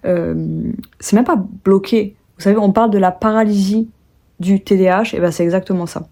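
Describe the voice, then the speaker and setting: A woman's voice: mid-range voice, normal speed, gravelly, warm tone. Young French woman, casual at-home vlog chatter, rambling with fillers and restarts. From France. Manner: rambling, many fillers and restarts, self-correcting. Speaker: vlogger. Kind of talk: casual chat to camera.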